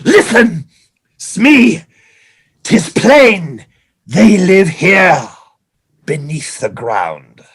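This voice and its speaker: An actor playing a vengeful, scheming pirate captain in an audio play, with a grandiose, drawn-out, melodramatic delivery. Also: male voice, sits high, sing-song, fairly bright tone, breathy edge, exaggerated voice. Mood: gleeful scheming.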